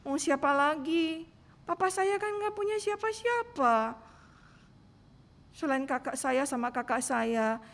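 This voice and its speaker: A preacher putting on a burdened young daughter who pleads and protests, her voice pitched high and climbing sharply. Her questions carry a long church reverb. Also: animated, slow, long pauses, full character voice. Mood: exasperated.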